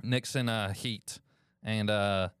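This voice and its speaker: A man's voice: fairly low pitch, fairly even intonation, slow pace, fairly bright tone, clean tone, no room sound, clean studio sound. A man co-hosting a comedy podcast, chatting casually with loose, profane storytelling. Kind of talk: casual chat.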